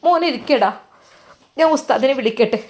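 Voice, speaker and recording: A woman's voice: high voice, expressive, moderate pace, a little mellow. Woman playing a motherly teacher's wife. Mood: welcoming. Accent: Malappuram Malayalam. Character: kind middle-aged mother, teacher's wife.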